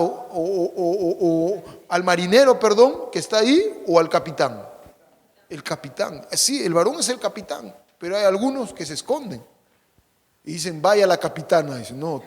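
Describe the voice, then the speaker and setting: Guy preaching, high voice, asks the crowd questions, goes loud then soft, big echoey church. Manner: preaching with rhetorical questions and call-and-response; swings between emphatic loud lines and quiet low asides. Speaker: pastor. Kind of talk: sermon. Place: church sanctuary.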